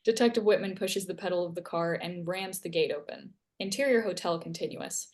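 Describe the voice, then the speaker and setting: Reading scripted stage directions at a live table read, a woman with a slightly low voice calls out every scene heading and action in order, moving a little fast.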